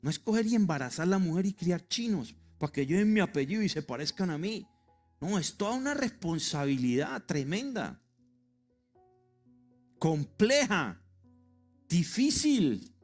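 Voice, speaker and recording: A man's voice: high voice, sing-song, measured pace, faint music behind. A middle-aged man preaching a sermon to his congregation, emphatic and joking, spelling out words for them. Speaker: pastor. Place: church sanctuary.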